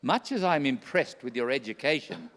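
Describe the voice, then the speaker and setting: A man's voice: medium pitch, sing-song, fairly bright tone. Man playing swooping, genial Santa in a hall. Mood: calm reproach. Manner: courteous, measured, theatrical. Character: Santa Claus, genial, unflappable, wise old host. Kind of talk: radio play acting in verse. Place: stage in a hall. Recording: hall with long reverb.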